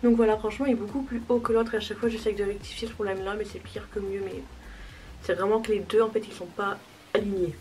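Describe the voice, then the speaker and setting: A woman's voice: mid-range voice, steady tone, quick pace, a little mellow, slight background noise, rough recording. A young woman chatting casually through a makeup tutorial, self-deprecating and talking while she applies products. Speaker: beauty vlogger.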